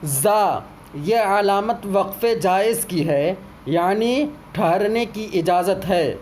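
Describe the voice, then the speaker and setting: A man with a high voice teaches a lesson, explaining each point step by step and acting out short spoken examples. A faint hum of room ambience sits behind him. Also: a little mellow.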